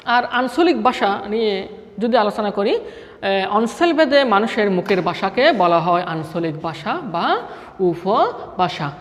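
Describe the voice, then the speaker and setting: A man's voice: high voice, big pitch swings, a little slow, fairly bright tone. A male school teacher gives a classroom lecture, reading out word lists item by item and answering his own questions. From Chittagong, Bangladesh. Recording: long reverb of a hard room.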